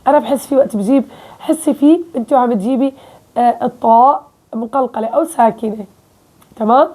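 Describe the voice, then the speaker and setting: High-pitched woman, Levantine accent, casual recitation teacher, explains step by step and checks in often. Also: quick pace, mellow. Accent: Levantine Arabic. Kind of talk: casual spoken lesson.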